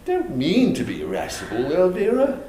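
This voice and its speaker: A woman's voice: on the low side, wildly swooping pitch, normal speed, a crowd in the background. A woman voicing an exasperated husband haunted by his late wife, flustered and stammering, in a stage play audio drama recorded in a very echoey room with noise.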